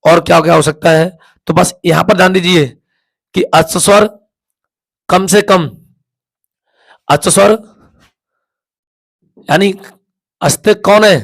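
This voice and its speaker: Slow, high-voiced male Hindi teacher. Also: steady tone, gravelly. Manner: repeats sounds aloud, asks and answers his own questions. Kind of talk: classroom lesson at a board.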